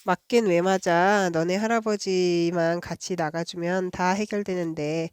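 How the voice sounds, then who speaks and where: A woman voicing a pushy, talkative schoolboy friend in a storybook read-aloud, nagging and quick to anger. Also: on the low side, fairly even intonation, darkish tone, clean tone, dry recording, close to an everyday voice. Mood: coaxing.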